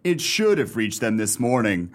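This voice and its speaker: Radio comedy uncle: male actor as older English gentleman, mid-pitched, pompous, formal, agitated and full of suspicion. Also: big pitch swings, normal speed, lightly acted. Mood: agitated, suspicious. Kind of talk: radio play acting.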